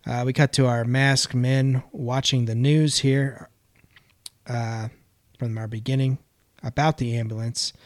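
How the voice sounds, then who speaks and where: A man's voice: mid-range voice, fairly even intonation, a little slow, no echo. Guy hosting a podcast, walking thru a movie plot, dead dry mic. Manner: recaps scenes in plain narration. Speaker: podcast host recapping a film. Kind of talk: casual podcast chat.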